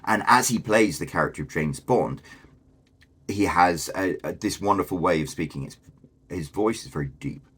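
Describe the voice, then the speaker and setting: Very deep husky man, chatty commentary. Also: expressive, moderate pace, a bit bright. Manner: chatty and enthusiastic, with many fillers. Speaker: host. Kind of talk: casual video commentary.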